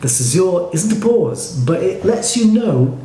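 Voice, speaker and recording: A man with a Liverpool accent teaching how to speak verse, brisk and opinionated, splitting each line into its halves. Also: high-pitched, sing-song, mellow. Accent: Liverpool English. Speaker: acting and speech coach. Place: home studio room. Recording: echoey room with faint noise.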